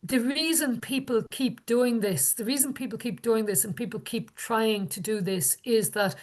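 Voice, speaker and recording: A woman's voice: on the high side, moderate pace. A woman with a west of Ireland accent giving an informal public talk as an activist, earnest and repeating phrases for emphasis. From Galway, west of Ireland. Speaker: activist speaker.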